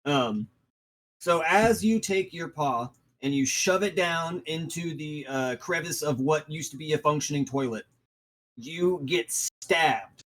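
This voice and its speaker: A man's voice: on the high side, a little slow, a bit bright, low-quality recording. A man narrating as game master in a tabletop game played online, hesitant and full of restarts. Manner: hesitant, many restarts and ums.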